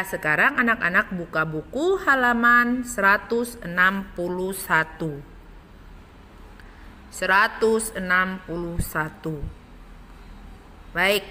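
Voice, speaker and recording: A woman primary school teacher giving a recorded lesson to young children, speaking slowly and clearly with much repetition. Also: mid-range voice, sharp tone, long reverb tail. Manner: slow, clear, repetitive teaching voice with rising sing-song questions.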